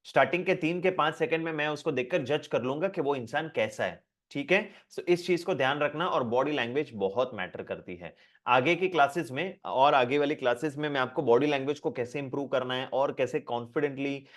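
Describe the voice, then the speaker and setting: A man teaching a live online class, talking in a lively way, repeating his points and asking the class questions. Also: medium pitch, fairly quick.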